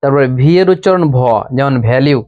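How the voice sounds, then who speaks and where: A man with a Bengali accent giving an English pronunciation lesson, slowly repeating each rule and example. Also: medium pitch, highs cut off. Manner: slow, patient, repeats rules and examples. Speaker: English teacher.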